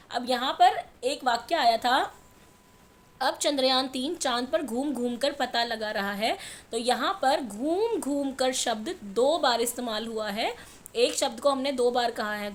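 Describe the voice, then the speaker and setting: A woman teacher patiently explaining a textbook lesson to young children step by step. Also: fairly high pitch. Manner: patient, step-by-step, repeats answers slowly. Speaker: primary school teacher.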